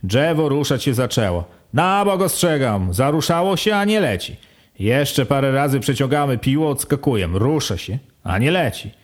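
A man reading a first-person rural story aloud in an expressive way, raising his voice sharply for the quoted speech. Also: mid-range voice, normal speed. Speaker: reader.

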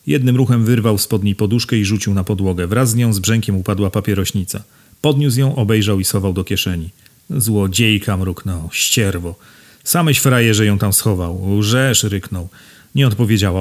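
A man reading a novel aloud as an audiobook narrator, in steady, measured storytelling. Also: on the low side. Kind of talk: scripted literary narration.

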